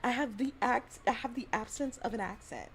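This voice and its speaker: A young adult woman from Alabama in the US South chats casually on her livestream as a streamer, giggling a lot and rambling between thoughts. Her voice is fairly high and fairly quick, with faint music in the background.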